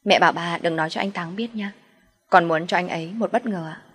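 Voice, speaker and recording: A woman's voice: on the low side, a little fast, fairly bright tone, husky. Woman playing a firm young wife. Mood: gentle.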